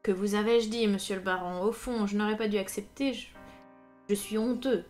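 An unflappable police inspector speaks in a calm, dry, unhurried way, as a woman reader voices him. His lines carry quiet irony. Faint piano music sits underneath the storybook reading. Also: mid-range voice, close to an everyday voice. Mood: smug.

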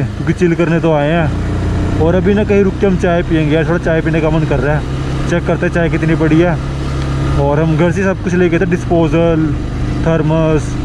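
Chatty young man talking over engine noise. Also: a little high. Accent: Himachal Pradesh. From India. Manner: chatty, filler-heavy, addresses viewers as guys. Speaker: motovlogger. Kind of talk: casual vlog narration while riding. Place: outdoors on a motorbike on mountain roads. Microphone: helmet or body camera mic while riding. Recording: wind and engine noise from a moving bike.

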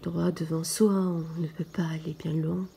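A woman voicing an earnest, curious little boy prince in a soft, partly whispered storybook reading. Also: lowish voice, flat delivery, moderate pace, creaky, slightly rough, pitched below the performer's own voice, full character voice. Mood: wistful. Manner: insistent, wondering questions.

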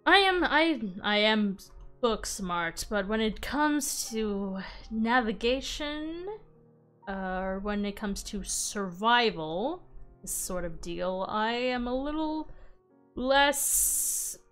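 A woman's voice: on the high side, expressive, takes it slowly, a bit bright, clean tone, faint music behind. A woman streamer doing live in-character game commentary in a rambling, hesitant, professor-like manner. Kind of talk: live in-character Minecraft roleplay commentary, chatting with viewers.

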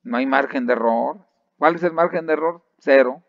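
A man lecturing a class, lively, often checking in with his listeners and restarting phrases. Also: medium pitch, moderate pace, no room sound. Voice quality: gravelly. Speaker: university lecturer. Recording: dry, slightly dull sound.

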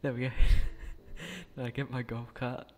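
Late at night, a young gaming channel creator narrates a game build in a quiet, croaky voice that sits in the mid range. He speaks slowly with a level tone, rambling hesitantly and restarting often.

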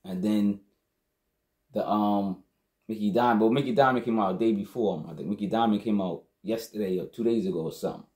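A man's voice: fairly low pitch, fairly quick, a little mellow. A man giving a casual, slangy review of a rap album as the show's host, often dropping "you know what I'm saying". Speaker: hip-hop album reviewer.

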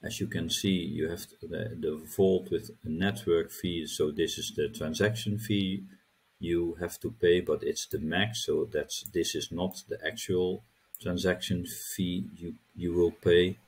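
Low, slow, husky-voiced man demoing a screen. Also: fairly even intonation, darkish tone. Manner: halting, repeats words while clicking through steps. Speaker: crypto channel host. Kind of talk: screen-recorded tutorial walkthrough.

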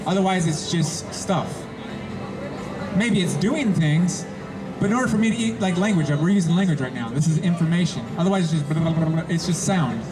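A man's voice: a little high, animated, brisk. A man making a methodical debate argument, reasoning step by step and posing rhetorical questions to listeners. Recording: music and crowd noise behind. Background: music and crowd.

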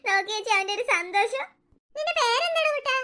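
Lady voicing a sweet big sister in a cartoon, very high and bright, cooing all the time. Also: lively intonation, quick pace, heavily acted. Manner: gushing, cooing. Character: kind teenage big sister, gushing over a baby. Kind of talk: cartoon voice acting.

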